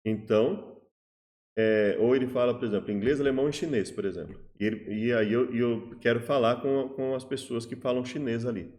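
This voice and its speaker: A man with a Brazilian Portuguese accent teaches Scripture in an off-the-cuff way. He stumbles, repeats small words and restarts his sentences. He lays out his point step by step with simple examples, at a middling pitch. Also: brisk, a little mellow. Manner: hesitant, many restarts and "né?" tags; explains patiently with worked examples. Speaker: Bible teacher. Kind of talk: unscripted Bible study teaching.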